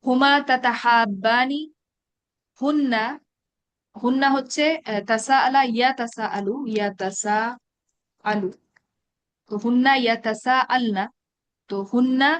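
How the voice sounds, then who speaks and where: A woman's voice: on the high side, dry recording. Woman teaching grammar, dry close sound. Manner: recites verb conjugations slowly, then explains in quick asides. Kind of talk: online class lecture. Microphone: online meeting call.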